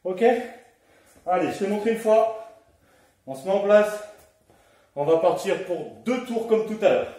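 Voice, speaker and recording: Man, fitness teacher, encouraging, slightly breathless, higher voice, very echoey room, distant mic. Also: animated, measured pace, pauses often, mellow. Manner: encouraging, counts down and coaches moves while exercising. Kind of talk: home workout instruction. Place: room at home.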